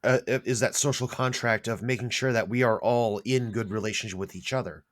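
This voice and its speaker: A man in a casual podcast conversation, talking in an agreeable, measured way. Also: medium pitch, steady tone.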